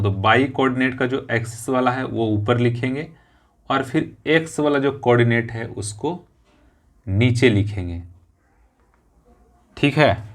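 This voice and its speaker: A male math teacher in a classroom who talks slowly and patiently. His voice sits in an ordinary middle range. He repeats each step and keeps checking with his students that they follow. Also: mid-range voice, a bit bright. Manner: explains step by step, repeats phrases, often checks with "theek hai".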